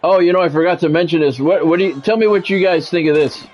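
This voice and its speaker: A man with a slightly high, darkish-toned voice is live streaming a football video game, combining blunt casual talk with play-by-play. His speech is halting, with frequent repetition of words and phrases. A little hiss or hum runs underneath.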